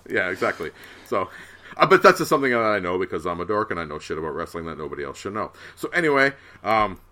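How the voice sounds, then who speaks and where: A man co-hosting a podcast, chatting casually and excitedly recapping a wrestling match, swearing now and then. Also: low-pitched. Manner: excitable, swearing, quick bursts of enthusiasm. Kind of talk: casual chat.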